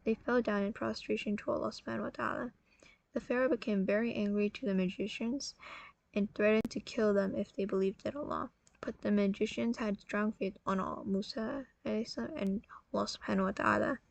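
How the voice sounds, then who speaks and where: A tired woman telling a religious story in a casual, halting way, often correcting herself. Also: medium pitch, fairly even intonation, vocal fry, no room sound. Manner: halting, self-correcting, apologetic.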